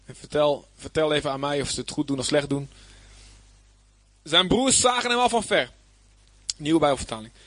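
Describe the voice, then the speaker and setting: A man teaching from the Bible, slightly higher pitched than most men, reading passages and then unpacking them with emphatic, searching delivery. The sound is dry and close, with little room around it. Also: moderate pace, long pauses, fairly bright tone, no room sound. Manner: reads scripture aloud, then explains it plainly. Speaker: preacher.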